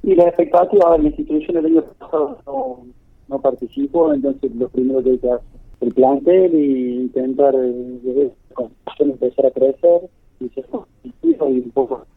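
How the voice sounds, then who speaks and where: A man's voice: medium pitch, animated, brisk, gravelly, dry recording. Guy calling in from home, phone line keeps breaking up, tinny and dry, kinda hesitant, repeats himself. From Córdoba, Argentina. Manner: hesitant, repeats words as he restarts. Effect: choppy phone line that keeps cutting out. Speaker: football coach. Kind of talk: radio phone interview.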